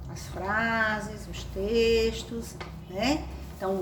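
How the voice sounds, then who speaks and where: Woman, children's reading teacher; slow, affectionate sing-song delivery, echoey distant room sound. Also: medium pitch. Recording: echoey room, mic at a distance, faint background noise.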